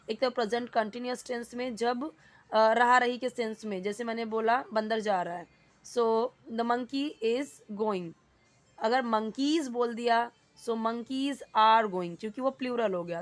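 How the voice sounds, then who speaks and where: A woman teaching English in Hindi, patiently explaining grammar and reading English sentences slowly. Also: a little high.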